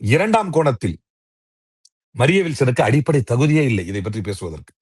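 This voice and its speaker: In a heated political argument during an interview, this commentator guest mocks and fights back with a barrage of rhetorical questions. His mid-range voice is sing-song, a little mellow and slightly rough, at a moderate pace. It's studio quality with no echo.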